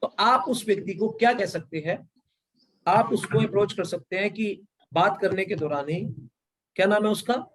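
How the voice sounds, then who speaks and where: A man's voice: high-pitched, moderate pace, rough recording. A man running an online sales training over a video call, explaining step by step, mixing English into Hindi and checking in with "right or wrong?". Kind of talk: live online training session.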